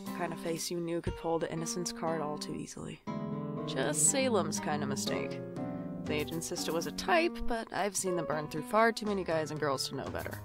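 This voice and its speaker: A woman acts in an audio drama as a wry, jumpy night-shift shop worker, giving brooding first-person noir narration in a dry, sardonic manner. Her voice sits low and is animated and fairly quick, with a music bed underneath.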